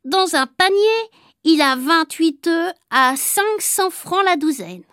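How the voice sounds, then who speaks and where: Lady doing a whiny tattletale little boy, super high and shrieky, dry close mic. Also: big pitch swings, takes it slowly, no echo, heavily acted. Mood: reciting. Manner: shrill, whining and shouting. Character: whiny tattletale schoolboy, teacher's pet, crybaby.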